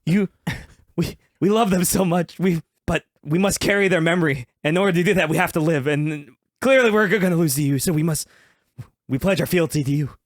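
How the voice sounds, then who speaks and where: Man voicing timid ninja creatures for a tabletop game, earnest and halting, lightly raised pitch. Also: no echo, studio quality, close to an everyday voice. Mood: earnest pledge. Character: two timid male ninja warrior creatures.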